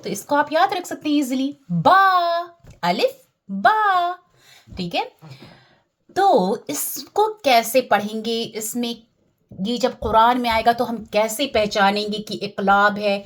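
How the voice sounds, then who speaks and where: A woman teaching Quran recitation rules, repeating key terms, checking in with her listeners and drawing out recited words slowly. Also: a little high. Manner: slows down and draws out recited Arabic words. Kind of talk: tajweed lesson.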